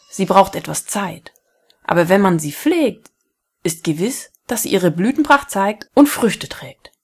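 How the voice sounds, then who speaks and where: Woman reading as a biology teacher, storybook, gentle, explaining, breathy. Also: mid-range voice, heavily acted. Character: good-humoured biology teacher, gentle and wise.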